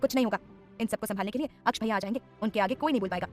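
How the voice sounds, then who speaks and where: A woman's voice: mid-range voice, racing, soft background music, close to an everyday voice. A woman voicing a firm, scolding mother of about forty-five.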